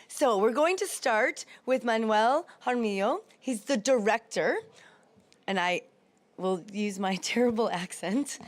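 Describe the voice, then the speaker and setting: A woman moderating a panel, politely thanking and introducing the speakers. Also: a little high.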